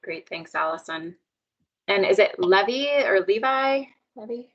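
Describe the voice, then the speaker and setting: A woman runs an online meeting, chatty and upbeat and full of little fillers. Her voice sits a bit low and comes through muffled, dull video call audio. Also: normal speed, husky. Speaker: meeting facilitator. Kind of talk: casual video meeting chat.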